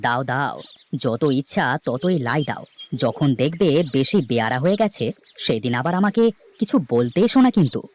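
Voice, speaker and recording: A man's voice: mid-range voice, expressive, normal speed, slight background noise, close to an everyday voice. A man voicing a stern, grumbling village farmer and father in a cartoon, talking with sarcasm. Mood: sarcastic. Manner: scolding, sarcastic. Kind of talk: cartoon voice acting.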